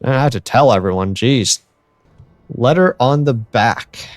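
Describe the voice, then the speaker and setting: A man hosting a let's-play, chatting in a relaxed way and reading game events aloud. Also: medium pitch, a little slow, no room sound, studio quality, faint music behind. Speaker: gaming channel host.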